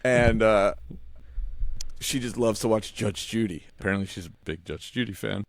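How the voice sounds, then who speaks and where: A visual artist in his forties co-hosts a podcast, chatting casually and telling stories with animation, rambling, interrupting himself, restarting sentences, and swearing casually. His voice is fairly low at a moderate pace with no room sound.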